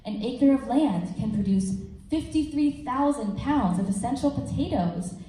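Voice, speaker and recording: A woman's voice: on the high side, lively intonation, a little slow, mellow. A young woman, a student of upper-school age, giving an earnest prepared persuasive speech at a school assembly with casual asides. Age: teens to young adult, upper-school student. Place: large room at a school assembly. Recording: very echoey hall, faint noise.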